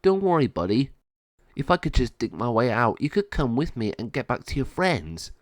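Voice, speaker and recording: A man's voice: mid-range voice, very animated, normal speed, no room sound, clean studio sound, lightly acted. A man playing a plucky caged dog. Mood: encouraging. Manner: earnest, encouraging. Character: plucky caged male dog, determined digger.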